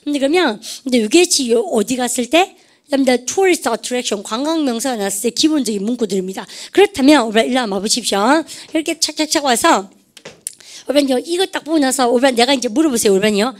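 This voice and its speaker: Brisk, coaxing woman teaching English. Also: high voice. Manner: energetic, coaxing call-and-response drills; keeps addressing her students directly. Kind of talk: lively classroom-style vocabulary lesson.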